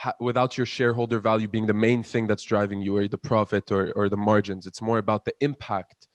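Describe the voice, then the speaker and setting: With a fairly low pitch and little pitch movement, a Palestinian man in his twenties talks a little fast while answering interview questions. He is a student entrepreneur appearing as a guest, earnest and passionate, often repeating words as his point takes shape. There is no echo.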